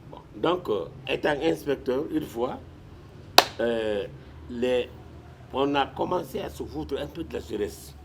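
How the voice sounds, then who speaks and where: Animated older man telling stories. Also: medium pitch, measured pace, creaky, very noisy. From Guinea. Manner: animated storyteller with frequent restarts and repetitions. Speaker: retired sports administrator and guest. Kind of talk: storytelling in a sit-down interview.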